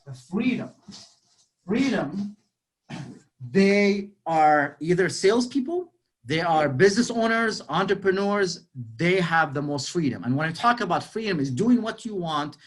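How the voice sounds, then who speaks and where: A man's voice: high-pitched, lively intonation, a little slow. A man, giving an interactive motivational sales talk over a video call and quizzing his audience, with lots of "you know". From Lebanon. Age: 40s. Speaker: real estate sales speaker.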